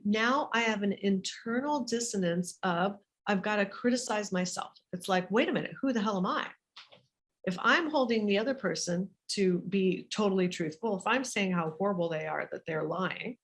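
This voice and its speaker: A woman guest speaking over a video call, animated and emphatic, often repeating words to stress a point. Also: mid-range voice, moderate pace, few pauses. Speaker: guest, business author. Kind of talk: casual interview chat.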